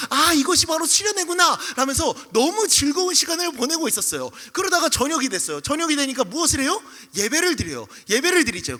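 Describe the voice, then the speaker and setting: A young male pastor preaching in an animated storytelling style, acting out scenes and voices. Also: very high-pitched. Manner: lively, acts out scenes, shouts and mimics voices. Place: church sanctuary. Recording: livestream with long hall reverb.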